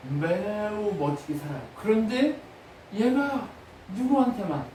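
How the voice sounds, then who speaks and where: A high-pitched man preaches in a church, peppering the congregation with questions and crying out brief pleading prayers. His voice comes from some distance off the mic. Heavy reverb fills the big room, with a faint murmur behind him. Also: very animated, a little slow, mellow, slight background noise. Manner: acts out short pleading prayers in a raised voice. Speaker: pastor. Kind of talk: sermon. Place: church sanctuary. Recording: very echoey church hall, voice from a distance.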